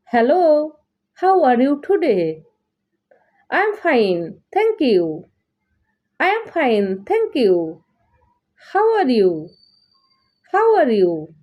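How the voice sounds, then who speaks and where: A woman teaching English, saying each practice line twice in a slow, deliberate way for beginners. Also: high-pitched, huge pitch swings, lo-fi sound. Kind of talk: slow repeated dialogue drills for learners.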